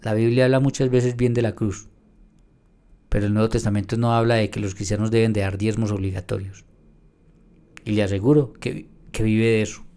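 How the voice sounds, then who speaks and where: In a video response, a man teaches from the Bible, reading verses aloud with emphasis and arguing directly with a rival pastor he addresses head-on. His voice is on the low side and mellow, a little fast, with little pitch movement.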